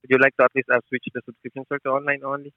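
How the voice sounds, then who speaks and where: Racing through his words with a completely flat delivery, a medium-pitched man handles a call as a customer service agent, with no echo present. He's deferential and courteous, using sir often, heard over a thin, narrow phone line.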